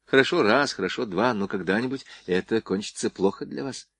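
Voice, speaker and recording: A man reading the lines of a worried young woman gently scolding a friend. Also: on the low side, fairly quick, creaky, slightly rough, dry recording, heavily acted. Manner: gently reproachful.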